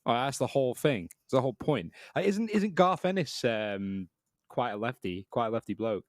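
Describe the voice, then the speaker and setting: A man's voice: mid-range voice, sing-song, normal speed, no room sound, clean studio sound. A British man co-hosting a podcast, chatting casually in a talkative, opinionated way with some swearing. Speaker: podcast co-host.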